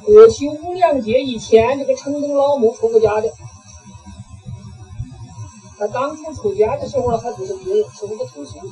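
Male Buddhist monk, very high, mellow voice, lively storyteller sermon. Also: moderate pace, long pauses, soft background music, poor audio. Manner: lively storytelling, acting out the voices in his tale.

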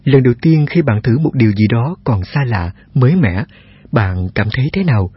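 A male narrator reads a scripted self-help text, his medium-pitched voice very husky and breathy, steady and measured, posing rhetorical questions to the listener. The sound is dry and close with no echo, a little dull and lo-fi.

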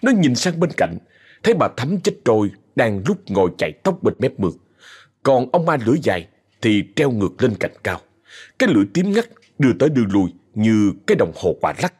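A man's voice: medium pitch, very animated, a little fast, darkish tone, breathy edge. A man telling a ghost story in a dramatic way.

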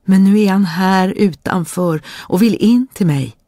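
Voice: mid-range voice, mellow, no room sound, clean studio sound, pitched above the performer's own voice, lightly acted. A reader voicing a spoiled young princess who turns petulant or eager in a fairy tale reading. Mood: explaining. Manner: petulant, eager to please when she wants something. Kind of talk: storybook reading.

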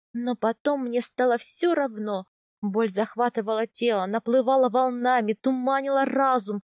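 Woman narrator, fairly high voice, calm first-person audiobook reading, dry close mic. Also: no echo.

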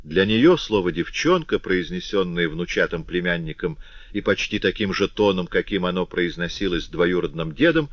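Deep male audiobook narrator, measured, dry close sound. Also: dry recording, dull audio. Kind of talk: scripted narration of a classic novel.

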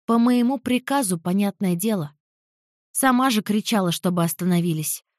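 A young woman narrating a first-person fantasy audiobook in an expressive, emotional reading. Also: medium pitch, moderate pace, no room sound, clean studio sound.

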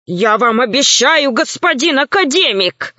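A woman's voice: high voice, expressive, measured pace, sharp tone, dry recording, exaggerated voice. A woman voicing a frightened elderly male scientist who stammers and pleads fawningly, in a storybook reading. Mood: pleading. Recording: slightly dull, dry recording.

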